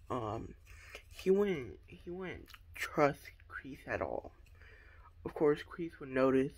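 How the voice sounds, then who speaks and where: A man's voice: medium pitch, creaky. A young man rambling through a fan theory in a casual, hesitant way, full of ums and restarts.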